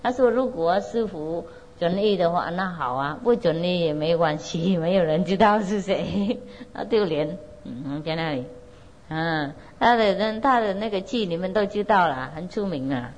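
A woman's voice: lowish voice, lively intonation, moderate pace, rough recording. A woman spiritual teacher telling a Zen story to an audience in a loose, conversational way, with many fillers, laughs, and direct questions to her listeners. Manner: asks listeners directly to check they follow.

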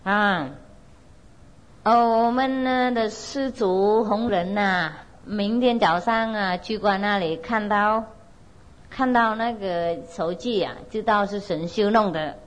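A woman spiritual teacher tells a Zen story to an audience in a relaxed, conversational way, full of fillers and laughter. She often asks listeners directly whether they're following. Her voice is medium-pitched and slow, and the recording is rough.

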